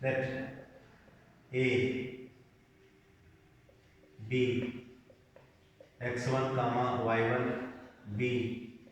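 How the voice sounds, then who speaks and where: A man's voice: mid-range voice, little pitch movement, drawn-out words, long pauses, slight background noise. A man with an Indian English accent teaching maths, dictating each coordinate and step aloud as he writes it out. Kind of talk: slow board-work lesson, dictating steps. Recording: echoey room, voice from a distance.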